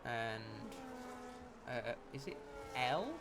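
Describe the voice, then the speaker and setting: A man giving live motorsport commentary as a race commentator, with an excitable delivery that rises at incidents. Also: medium pitch, very slow, very noisy.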